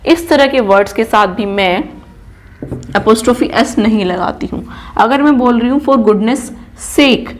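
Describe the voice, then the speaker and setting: A woman English trainer with a slightly high voice, teaching grammar step by step. She asks the class questions and answers them herself. She checks after almost every point that everyone is following. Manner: explains step by step and keeps checking with "ठीक है?".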